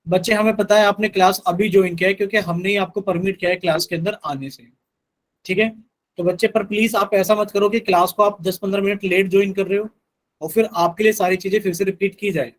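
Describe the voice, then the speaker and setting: A man's voice: high voice, steady tone, fast talker, rough recording. A man teaching a live online math class, patiently repeating instructions to his students.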